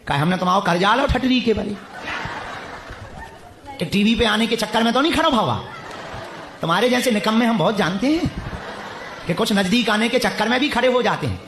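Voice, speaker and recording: A man holds forth to a packed stadium in a high, carrying voice. He taunts and orders people about. The sound bounces around a big echoey space over a faint hum of crowd noise. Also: expressive, normal speed, long pauses, fairly bright tone. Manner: taunting, mocking, commanding the crowd. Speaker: preacher addressing a stadium crowd. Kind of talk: live religious gathering address.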